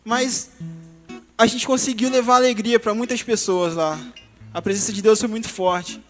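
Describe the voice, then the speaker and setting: High-voiced young man giving a lively church testimony. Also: moderate pace. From Brazil. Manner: lively, humorous, addresses the congregation. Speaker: testimony speaker. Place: church hall. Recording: long hall reverb, soft guitar music.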